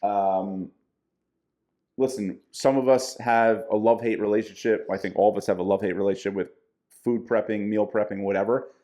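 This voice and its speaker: A man's voice: lowish voice, steady tone, fairly quick, warm tone. A man co-hosting a casual diet podcast, giving plain-spoken practical advice. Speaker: podcast co-host, diet coach.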